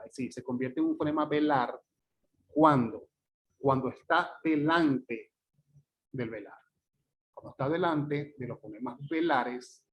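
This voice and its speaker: A male teacher giving a phonetics lecture. He checks in often with his students and repeats example words slowly and carefully. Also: a little high, a little hiss or hum.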